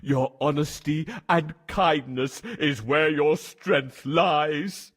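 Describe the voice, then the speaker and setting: A man's voice: a little high, fairly even intonation, takes it slowly. A man voicing a proud, boastful male lion king in a storybook. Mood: grateful. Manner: roaring, boastful.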